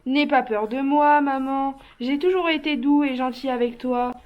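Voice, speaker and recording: A woman's voice: sits high, normal speed, lo-fi sound, natural voice. A woman playing a stubborn young male escaped killer in a stage play, speaking insistently and commanding. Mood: coaxing. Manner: insistent, commanding then coaxing.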